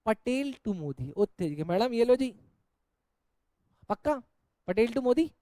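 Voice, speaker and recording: A man's voice: very high-pitched, sing-song, slow pace, dark tone, no room sound. A man teaching an accounts class, jokingly scolding and teasing his students while he explains. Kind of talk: Hindi-English accounts lecture.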